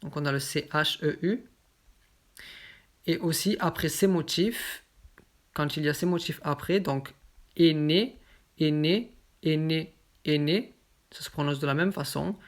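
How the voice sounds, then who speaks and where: A woman teaching pronunciation, saying example words slowly and repeating them carefully. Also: low-pitched. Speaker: French teacher. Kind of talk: pronunciation lesson.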